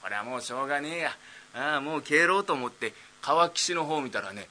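A man voicing a dim-witted idle young man nearly thirty, rambling slowly in rakugo storytelling. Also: on the high side, expressive, bright, forceful tone.

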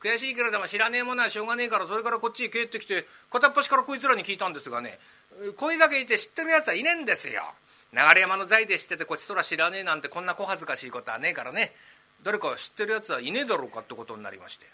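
A cocky young Edo tradesman, played by a man rattles off his story in rough old street talk. He sounds loud and bright, with a high voice that jumps around a lot. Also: lively intonation, rapid-fire, heavily acted. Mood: boastful. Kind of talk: rakugo storytelling.

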